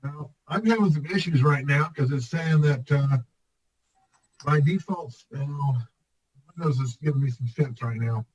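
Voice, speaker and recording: A man's voice: on the high side, measured pace, darkish tone, slightly rough, highs cut off. A man on a video call, heard through his camera's built-in microphone with a hollow, echoing, tunnel-like sound, talking hesitantly with fillers while he troubleshoots. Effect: hollow, echoing tunnel-like sound from a distant camera mic. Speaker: presenter at an online club meeting. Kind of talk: casual video-call talk. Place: home computer setup on a video call. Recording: hollow, echoey camera-mic sound with faint noise.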